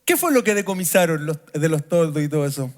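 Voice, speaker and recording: A man's voice: on the high side, expressive, quick pace. A man with a Chilean accent, preaching a sermon as pastor in a church. He stretches phrases out in a sing-song way and drops into chatty asides to the congregation. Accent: Chilean Spanish.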